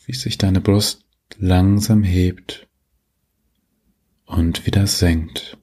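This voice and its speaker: A man guiding a sleep meditation like a sleep story narrator, soothing and gentle, leaving long pauses, in a soft, husky voice. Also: low-pitched, level tone. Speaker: meditation guide, host.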